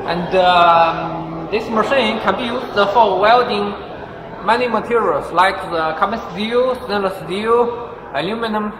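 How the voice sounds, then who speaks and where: Slow, halting man with a Chinese accent. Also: high-pitched. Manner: halting, many uh fillers, non-native phrasing. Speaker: machine sales demonstrator. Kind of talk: casual product demonstration. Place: large factory workshop indoors. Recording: echoey factory hall, workshop noise.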